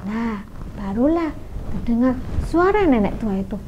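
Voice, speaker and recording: A woman telling a children's story live on radio, lively and speaking straight to her young listeners. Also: on the high side, a little slow, background noise. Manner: lively, addresses listeners directly. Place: radio studio. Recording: muffled radio studio audio.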